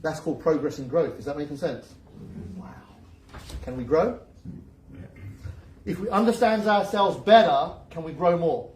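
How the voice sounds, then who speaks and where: A man's voice: on the high side, normal speed, long pauses, slight background noise. A man giving a motivational seminar talk, joking and firing questions at the audience. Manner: lively, joking, asks the crowd questions. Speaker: seminar speaker. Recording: echoey room recorded from a distance.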